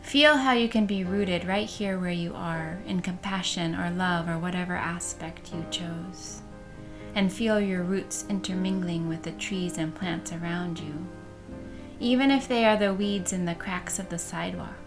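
A woman leading a guided meditation in a soft, soothing manner, with breath showing at the ends of phrases. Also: fairly low pitch, a little slow, music in the background.

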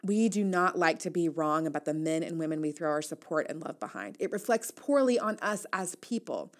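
A woman in her thirties with a low voice, lively intonation and brisk pace reads a first-person essay aloud. As a newsletter writer hosting an audio essay, she is candid and reflective, adding wry asides.

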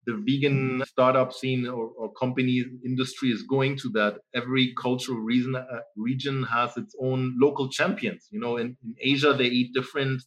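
A German man in his forties, a founder appearing as an interview guest, chats in a relaxed, rambling way and keeps saying "you know." His mid-range voice moves at a moderate pace with hardly any pauses, and the audio sounds dull.

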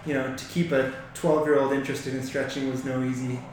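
A man in his thirties giving a casual interview in a halting, conversational way. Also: medium pitch, level tone. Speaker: guest, physiotherapist. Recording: echoey, distant mic, noisy room.

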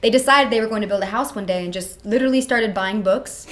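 A young woman in her twenties chats easily in a backstage interview. She's upbeat and talkative, tossing off quick asides as she goes. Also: medium pitch. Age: 20s. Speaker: musician guest. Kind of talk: casual interview chat. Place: backstage at a theater.

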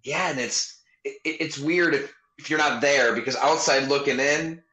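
A man's voice: fairly high pitch, moderate pace, pushed and bright, echoey room, poor audio. A man interviewing a guest in a chatty, conversational way, telling stories and asking eager questions. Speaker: interviewer, podcast host.

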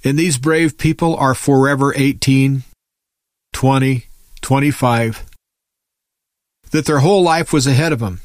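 A man's voice: mid-range voice, measured pace, long pauses, dry recording, studio quality. A man delivering an impassioned political monologue as a commentator, ranting in an alarmed, conspiratorial, indignant way with preachy emphasis and rhetorical questions.

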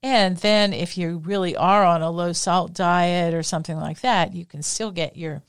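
A woman's voice: lowish voice, steady tone, moderate pace, smooth, no echo, studio quality. A woman with a Southern US accent hosting a food podcast, who explains at length and affirms her guest often. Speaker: podcast host. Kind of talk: conversational interview.

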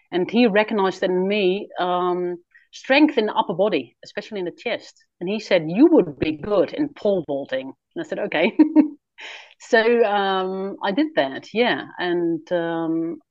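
Dutch woman in her forties, low and muffled. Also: a little mellow, no echo. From Netherlands. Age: 40s. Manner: candid, laughs easily. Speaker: guest, author and traveler. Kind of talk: conversational interview.

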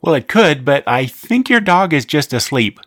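A man's voice: fairly high pitch, big pitch swings, normal speed, fairly bright tone, no echo, studio quality, pitched above the performer's own voice. A man voicing an anxious, bossy young girl. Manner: anxious, insistent. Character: worried, bossy girl, a kid.

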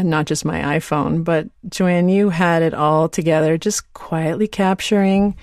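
Podcast host, young woman, friendly and easygoing, low voice, dry. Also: creaky, darkish tone, dry recording. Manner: friendly, laughs easily. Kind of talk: conversational interview.

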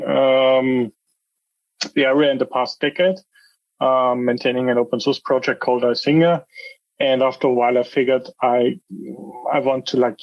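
A man from Austria introducing himself in an interview, plainly and with pauses and fillers. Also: medium pitch, no room sound, dull audio. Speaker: open source maintainer and trainer.

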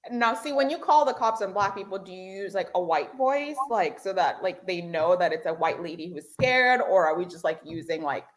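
A woman's voice: fairly low pitch, expressive, normal speed, few pauses. A woman hosting a comedy podcast, chatting casually and joking with a guest. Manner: joking, tangents, frequent laughs. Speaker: podcast host.

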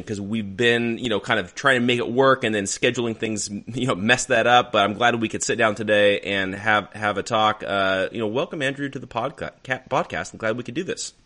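A man's voice: on the low side, bright, forceful tone. A man hosting a podcast, talking in a casual, conversational way as he introduces the show and guest. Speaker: podcast host.

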